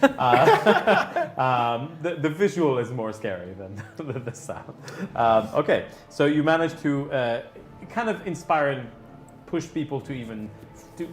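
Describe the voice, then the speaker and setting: A man's voice: mid-range voice, very animated, a little slow. A male game master narrating a tabletop game in a loose, casual way, restarting sentences and swearing freely. He sounds roomy, with faint music underneath.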